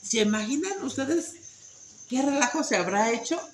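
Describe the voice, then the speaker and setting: A woman's voice: high voice, expressive, normal speed, echoey room, a little hiss or hum, low-quality recording. A woman teaching an informal Bible study, talking conversationally with many fillers and tag questions.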